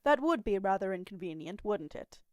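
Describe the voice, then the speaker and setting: A woman voicing a prim female supercomputer with a slight British accent, calm, scolding and unbothered. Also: mid-range voice, moderate pace, no room sound, clean studio sound, natural voice. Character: prim female supercomputer, a floating pair of lips.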